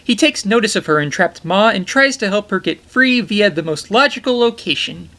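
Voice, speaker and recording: A young man sits in a small, poster-covered bedroom and talks toward a webcam, reviewing an old animated film. His comedic narration is full of jokey, enthusiastic asides, delivered at normal speed with a pitch that bounces up and down.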